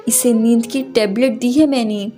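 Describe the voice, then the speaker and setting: A woman's voice: a little high, fairly even intonation, dark tone, soft background music, close to an everyday voice. A woman voicing a menacing, bullying young husband in a read-aloud story. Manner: threatening, bullying.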